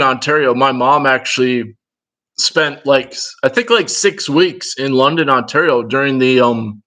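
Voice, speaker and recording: Rambling and digressive, a Minnesota-accented man in his fifties talks casually with his livestream audience as host. He sounds fairly high-pitched, bright and forceful, though the recording quality is low.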